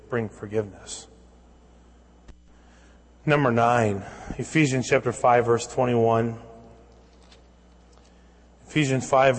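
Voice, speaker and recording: A man preaching from the pulpit in a church sanctuary, his voice trailing into a long hall reverb. He tells stories and acts out the dialogue, then rises into emphatic, insistent preaching. His pitch sits in an ordinary middle range. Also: darkish tone. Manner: storytelling with acted dialogue, rising to emphatic preaching. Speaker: pastor. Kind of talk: sermon.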